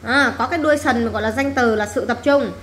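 A woman's voice: a little high, quick pace, a bit bright. A woman English teacher runs a vocabulary drill in a classroom. She says each word, repeats it and then explains it plainly. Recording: echoey room, faint background noise.

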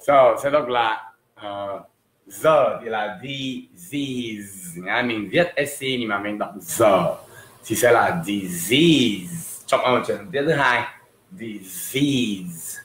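Male tutor, unhurried livestream lesson delivery, drills pronunciation word by word, echoey room sound. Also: on the low side, fairly bright tone, a little hiss or hum. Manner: slow, drawn-out words for drilling pronunciation. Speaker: English teacher.

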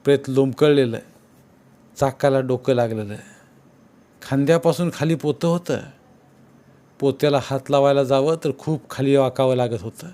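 A man narrating a novel as an audiobook, telling the story in a steady, earnest way. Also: mid-range voice, normal speed, long pauses.

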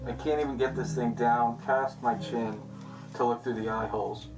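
A man's voice: medium pitch, steady tone, moderate pace. A man talking casually through a tight face mask, laughing at himself as he tries it on. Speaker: mask reviewer. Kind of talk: casual vlog review. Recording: distant from the mic, with music behind.

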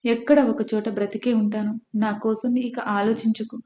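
A woman's voice: a little high, flat delivery, moderate pace, natural voice. A woman reading the part of a sorrowful, resigned young pregnant woman. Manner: sad, quiet resignation. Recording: echoey room, dull lo-fi.

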